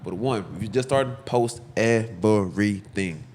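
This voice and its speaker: A man's voice: fairly low pitch, darkish tone, a little hiss or hum. A young man, chatting casually and loosely about his barbering work. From Texas. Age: 20s. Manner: slangy, loose, talks in quick bursts with repeats. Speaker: podcast guest, barber. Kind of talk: casual chat.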